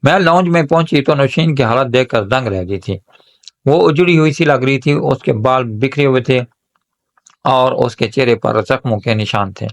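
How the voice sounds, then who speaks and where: Man narrating a story as a woman. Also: mid-range voice. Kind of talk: first-person narration of a moral story, told as a woman.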